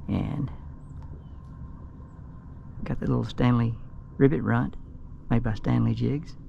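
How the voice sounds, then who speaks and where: A man's voice: mid-range voice, fairly even intonation, slow pace, creaky, dark tone, muffled recording, slight background noise. A man vlogging his fishing trip from a kayak on a lake, explaining his technique in an easygoing way, recorded on a boat-mounted action camera. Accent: Southern American. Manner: easygoing, chuckles often, explains while fishing. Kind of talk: casual outdoor commentary. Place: kayak on flooded lake outdoors.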